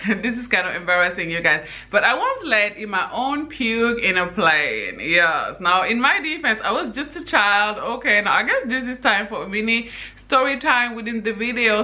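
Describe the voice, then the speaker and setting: A young woman who grew up in Senegal chats to her viewers in an animated vlog. Her voice is bright and forward, and she keeps turning to the audience with asides. She has an easy storytelling manner. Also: mid-range voice. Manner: animated, addresses viewers as "you guys", frequent laughs and asides. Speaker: YouTuber. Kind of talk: casual chatty vlog storytelling.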